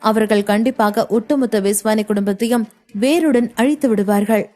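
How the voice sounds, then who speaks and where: A woman narrating a novel in a steady storytelling manner. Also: on the high side, moderate pace. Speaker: audiobook narrator. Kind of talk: scripted narration.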